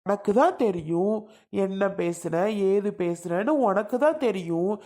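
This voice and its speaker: A woman's voice: medium pitch, animated, unhurried, natural voice. Woman voicing a furious father-in-law. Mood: angry. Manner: shouting, scolding, rough. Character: furious middle-aged father-in-law, man. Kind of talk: cartoon serial voice acting.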